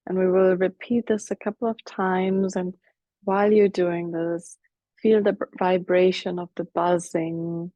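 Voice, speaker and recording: A woman leading a guided breathing meditation as a teacher, speaking softly and soothingly, with some cues half whispered. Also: lowish voice, no room sound, low-quality recording. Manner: soft, slow, soothing guidance with whispered cues.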